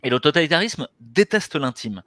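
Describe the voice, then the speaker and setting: A middle-aged anesthesiologist and author, interviewed as a guest, earnestly walks through his ideas in conversational explanation and gestures as he goes. The voice is fairly high, very animated, slightly bright, and moderately paced. He uses a headset mic on a video call from a small room, and there's no echo.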